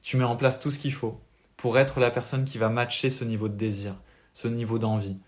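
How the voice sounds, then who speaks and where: A man's voice: medium pitch, flat delivery, fairly quick. A young French man with a French accent, a spiritual life coach giving an earnest, motivational talk on a live stream without notes.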